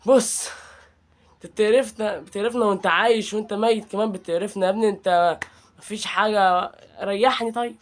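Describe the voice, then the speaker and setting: High-voiced Egyptian man teasing through gameplay. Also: fairly even intonation, quick pace. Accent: Egyptian Arabic. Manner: playful, teasing, trash-talking the game. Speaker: gaming channel host. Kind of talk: gameplay commentary.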